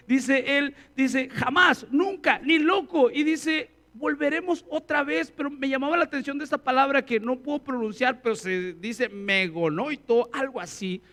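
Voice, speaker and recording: A man with a strikingly high voice preaching a sermon. He speaks with animated energy, sometimes slipping into quiet, intimate tones and then swelling back up as he drives a point home. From Latin America. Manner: animated, acts out quoted voices, swings between loud and hushed. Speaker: pastor.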